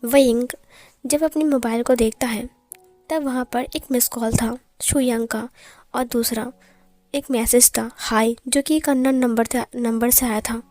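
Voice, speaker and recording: Woman, Hindi accent, casual fan fiction narration, high pitch, mellow dark tone. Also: fairly even intonation, unhurried, faint music behind. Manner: casual storytelling with self-corrections. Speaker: storyteller.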